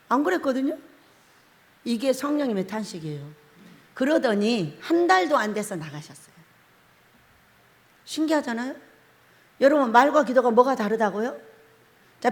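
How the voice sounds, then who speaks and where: High-voiced woman preaching in a reverberant hall. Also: sing-song, moderate pace, long pauses. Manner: storytelling with laughs and acted-out quotes. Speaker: pastor. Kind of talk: sermon.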